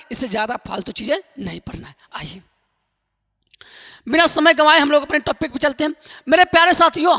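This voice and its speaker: A man's voice: very high voice, bright, forceful tone, long reverb tail. A man teaching spoken English to students, emphatic, repeating key phrases and asking the class rhetorical questions.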